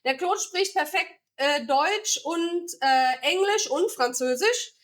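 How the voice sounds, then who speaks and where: A woman's voice: sits high, lively intonation, takes it slowly. A woman from Germany, founder of a charity, explaining its work in a casual interview with many fillers and restarts.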